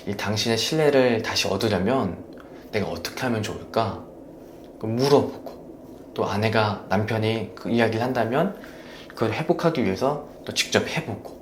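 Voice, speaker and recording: A man hosting a live stream on marriage, gently coaching and praising viewers as he reads their comments. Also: on the low side, echoey room, slight background noise.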